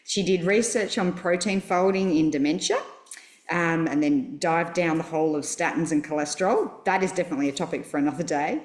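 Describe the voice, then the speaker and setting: A woman's voice: low-pitched, brisk. An Australian woman hosting a podcast, chatty and enthusiastic as she introduces her guest. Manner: enthusiastic, chatty, laughs easily. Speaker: podcast host. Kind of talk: friendly interview introduction. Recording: roomy echo.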